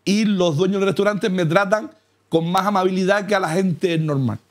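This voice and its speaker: A man's voice: high-pitched, moderate pace. A man telling boastful, mock-humble comic stories in a casual chat, laughing often. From Canary Islands. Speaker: comedian guest. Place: car.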